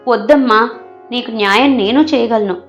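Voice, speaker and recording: A woman voicing a gentle, motherly village goddess who speaks softly and kindly in a storybook. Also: on the high side, normal speed, dull audio, faint music behind, close to an everyday voice. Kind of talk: storybook character voice.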